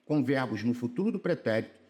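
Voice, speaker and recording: A man's voice: mid-range voice, lively intonation, fast talker, darkish tone. A man with a Brazilian Portuguese accent giving a casual exam-prep grammar lesson, speaking to viewers in a slangy, direct way.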